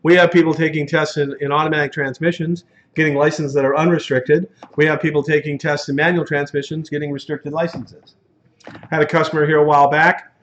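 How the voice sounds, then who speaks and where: A man's voice: on the high side, level tone, fairly quick, a bit bright. Chatty male truck driving instructor. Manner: conversational, tells cautionary stories, acts out dialogues. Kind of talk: classroom lecture. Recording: dull lo-fi classroom recording.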